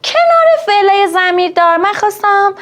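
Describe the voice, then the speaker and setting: Lively high-voiced woman teaching French. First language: Persian. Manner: explains patiently, conjugates French verbs slowly and clearly; addresses learners directly and informally. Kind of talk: online language lesson.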